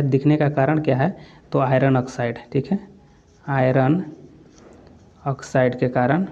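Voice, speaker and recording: A man's voice: mid-range voice, warm tone, muffled recording. A man going through exam quiz questions as a coaching teacher, repeating each answer and adding "theek hai" as a filler. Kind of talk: quiz lesson walkthrough.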